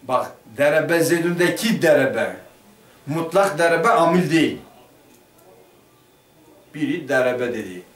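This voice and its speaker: A man teaching a grammar lesson, asking the class questions and then answering them himself. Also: mid-range voice. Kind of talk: Turkish madrasa lesson explaining a grammar text. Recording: roomy classroom picked up from a distance.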